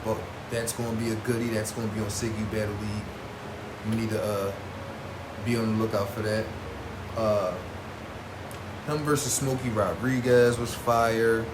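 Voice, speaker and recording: Man, casual host commentary, slangy and emphatic, slightly deep voice, roomy echo. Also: flat delivery, moderate pace, long pauses. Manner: informal slangy talk with emphatic repetition. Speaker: host reviewing battle rap artists. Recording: roomy echo with clear background noise.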